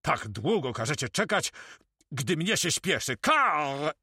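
A man's voice: fairly high pitch, sing-song, takes it slowly, pushed and bright, slightly rough, no room sound, studio quality, pitched above the performer's own voice, heavily acted. A man voicing an impatient, haughty young nobleman in an audiobook, demanding and indignant.

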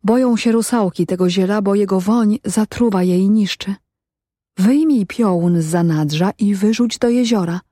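A woman voicing a beguiling female water nymph who speaks softly and pleads in a storybook reading. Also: medium pitch, normal speed, no room sound, studio quality, lightly acted. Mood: entreating. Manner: soft, pleading speech.

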